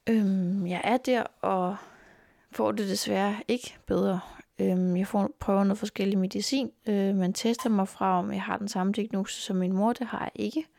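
A young woman recounting her life in an interview, earnest and halting, speaking indoors at her grandparents' home. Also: mid-range voice, fairly even intonation, vocal fry, darkish tone, no room sound. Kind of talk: personal life story interview.

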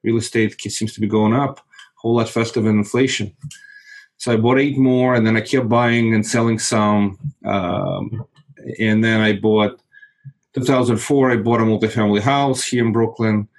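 In a casual interview, a calm Moldovan man in his forties, a native Russian speaker, covers his real estate investing, frequently repeating words while searching for them. His voice is lowish and his speed normal.

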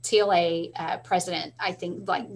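A middle-aged woman, a school librarian guest telling stories in a casual interview, animated, with quick asides. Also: on the low side, slight background noise. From Texas. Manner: animated storyteller, quick asides, frequent laughs.

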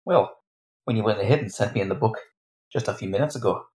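A man's voice: fairly low pitch, fast, a little mellow. A man playing a tabletop game with casual in-character banter and a dry, sardonic manner.

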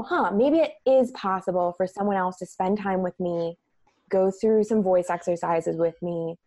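A woman guest in a podcast interview, telling stories in an animated way, laughing easily and saying "like" often. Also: lowish voice, dry recording. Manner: animated storyteller, laughs easily, says "like" a lot. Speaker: guest, messaging strategist. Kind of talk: casual interview chat.

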